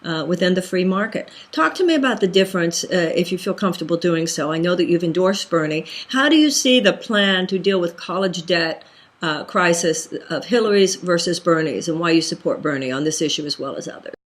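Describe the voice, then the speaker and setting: A woman's voice: lowish voice, lively intonation, fairly quick. A woman from Texas interviewing a political candidate, asking probing questions with conviction. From Houston, Texas.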